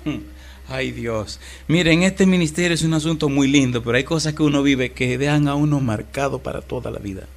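A male pastor preaching a sermon with passion, swinging between loud emphatic cries and hushed, intimate storytelling. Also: mid-range voice, a little fast, gravelly.

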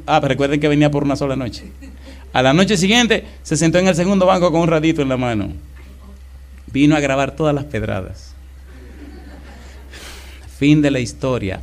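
A middle-aged man preaching a sermon, telling stories and calling out questions to the congregation with big swings in loudness. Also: medium pitch. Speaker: pastor. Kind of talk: sermon with storytelling.

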